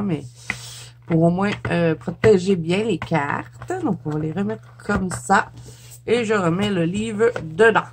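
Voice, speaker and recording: A chatty Quebec French woman, a YouTuber, does a casual show-and-tell vlog in a lowish voice over slight background noise. She laughs often and trips over her words.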